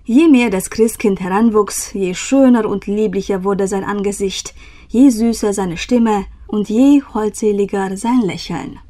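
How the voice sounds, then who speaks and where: A woman reading an old German fairy tale aloud in a calm, measured storytelling manner. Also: medium pitch.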